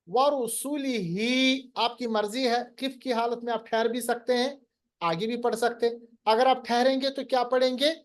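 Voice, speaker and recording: A man teaching Quran recitation in a lesson, quizzing his student and slowly drawing out recited words. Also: very high-pitched, flat delivery. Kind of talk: online lesson.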